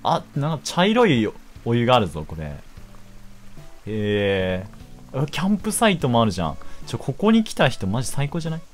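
A young man giving casual, jokey commentary while playing a game, quick to exclaim and laugh. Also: mid-range voice, huge pitch swings, faint music behind.

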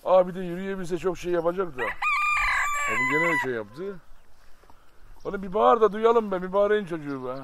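A man's voice: high-pitched, animated, a little fast, long pauses, heavy background noise. A man chatting casually to viewers while tending and coaxing his animals outdoors by a chicken coop, by turns fond and scolding. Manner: coaxing pet talk, scolding outbursts. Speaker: vlogger feeding his animals. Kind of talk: casual farm vlog chat to viewers. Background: rooster and chickens, birds.

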